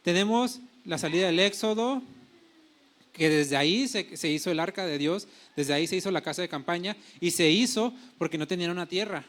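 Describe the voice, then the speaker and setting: High-voiced male pastor preaching. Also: fairly quick, fairly bright tone. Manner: preaching with paraphrased dialogue and self-corrections. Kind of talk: sermon.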